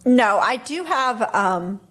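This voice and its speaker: A woman's voice: fairly high pitch, lively intonation, slow pace, a bit bright. A woman talking shop as a guest expert in a casual interview, rambling and correcting herself as she goes, with frequent small laughs. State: briefly coughing and hoarse. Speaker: photography business owner, guest expert.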